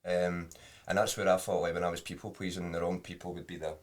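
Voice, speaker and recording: Deep-voiced Scottish man, rambling casually. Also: level tone, fast. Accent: Scottish, West Lothian. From Scotland. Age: 30s. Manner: informal, rambling, often adds "you know". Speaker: podcast guest, drummer. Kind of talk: casual chat.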